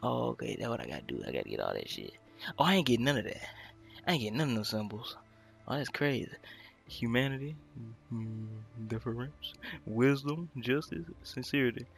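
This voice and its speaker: A young man streaming a video game, commenting casually in an animated, joking, profane way. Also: medium pitch, brisk, vocal fry, faint music behind.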